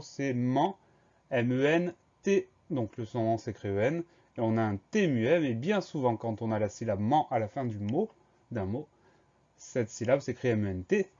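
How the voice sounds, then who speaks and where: A man's voice: mid-range voice, dark tone, lo-fi sound. A male teacher leading a spelling lesson, carefully spelling words out letter by letter. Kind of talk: dictation lesson.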